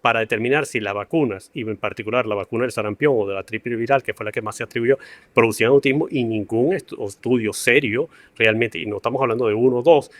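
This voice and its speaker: A man, an epidemiologist, explaining research as an expert guest in a measured way. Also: medium pitch, no room sound. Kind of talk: expert interview.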